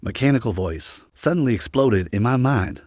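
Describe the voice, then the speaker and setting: A man narrating a story in the first person with steady, even storytelling, recorded close and dry. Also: mid-range voice, moderate pace, dry recording. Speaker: recap narrator.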